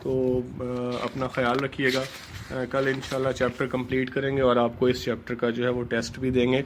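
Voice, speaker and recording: Male teacher reading slowly. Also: medium pitch, completely flat delivery, background noise. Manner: reads English phrases slowly, then lists synonyms and translates. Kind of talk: lecture explaining an English text.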